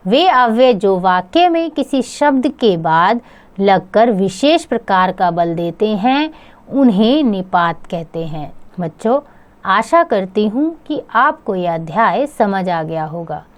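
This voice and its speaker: A woman narrating a grammar lesson for children, reading each term slowly and carefully. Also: mid-range voice, expressive. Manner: slow, measured, reads word lists one by one. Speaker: teacher.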